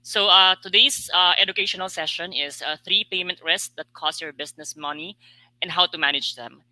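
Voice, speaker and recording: A man's voice: high-pitched, a little fast, sharp tone, no room sound, rough recording. A man moderating an online webinar, talking with many hesitations and fillers. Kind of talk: hosting a webinar.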